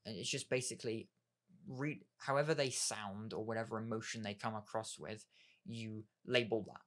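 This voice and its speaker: A man's voice: on the low side, fairly even intonation, normal speed. A man giving a casual talk on communication skills, rambling and leaning on filler phrases while he restarts sentences. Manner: rambling, leans on "obviously" and "kind of"; acts out sample dialogue in a brighter voice.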